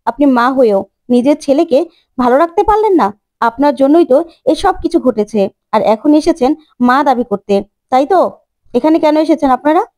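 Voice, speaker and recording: A woman's voice: sits high, lively intonation, brisk, pauses often, darkish tone. A woman voicing a hostile middle-aged uncle who blames the mother, in a retold serial. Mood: accusing. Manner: accusing, scornful.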